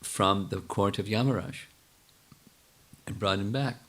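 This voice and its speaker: An older man with a low voice answers questions from his audience in a lecture. He speaks haltingly, stops often and restarts his sentences while he thinks aloud. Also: a bit bright. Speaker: spiritual teacher answering questions.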